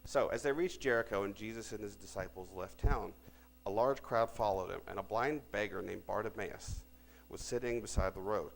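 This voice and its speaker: Gravelly low-voiced male preacher. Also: moderate pace, rough recording. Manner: conversational, self-correcting preaching. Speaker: pastor. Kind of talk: sermon. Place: church.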